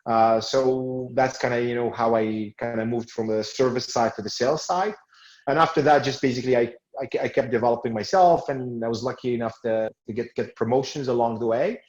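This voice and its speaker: A man's voice: mid-range voice, a little fast, a little mellow. A man from Tunisia in his forties answers interview questions, often restarting with fillers along the way. His voice sits in a middle register. The recording sounds roomy and a little dull, like a lo-fi call. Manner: hesitant, many fillers and restarts. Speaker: guest, sales manager in finance.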